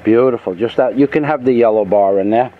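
A mechanic with a mid-range, brisk voice walks through a repair step by step in a casual how-to style. He's outdoors next to heavy machinery, and the phone-like recording picks up faint outdoor noise.

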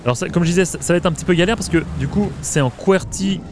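A man's voice: high voice, fast talker, noisy background. A man giving casual, hesitant gameplay commentary with many filler sounds. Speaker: let's play gamer. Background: game music.

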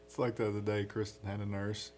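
A man's voice: fairly low pitch, flat delivery, quick pace, a little mellow, slight background noise. A man co-hosting a podcast in casual chat, often laughing as he tells stories. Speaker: podcast co-host.

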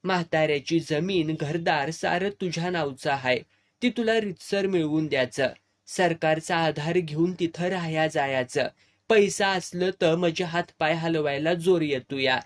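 Man voicing a steady ex-soldier villager. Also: on the high side, a little slow, close to an everyday voice. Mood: explaining.

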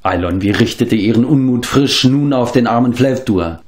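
A man narrating a storybook in a calm, measured tone at a medium pitch. The room around him has a roomy echo. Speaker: audiobook reader. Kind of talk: storybook reading.

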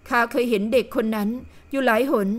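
A nosy, easily flustered gossip, as a woman puts her on, her high voice tumbling out in a hurry. She is an audiobook character who cannot wait to hear more. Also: steady tone, lightly acted. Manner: hurried, flustered.

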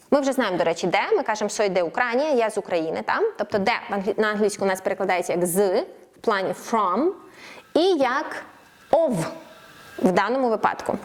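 Woman teaching Spanish slowly. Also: fairly high pitch. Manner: explains clearly, slows right down for example phrases. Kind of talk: online language lesson.

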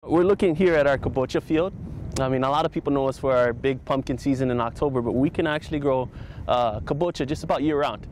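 A man's voice: mid-range voice, quick pace, darkish tone, a little hiss or hum. A man in his thirties, a farmer explaining his crop plainly outdoors in a field. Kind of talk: interview on the farm. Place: open farm field, outdoors.

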